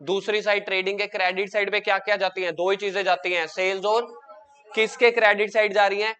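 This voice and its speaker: High-voiced man teaching accounts. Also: flat delivery, sharp tone, clear, resonant tone. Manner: drills students with quick questions, calls them beta. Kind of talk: classroom lecture.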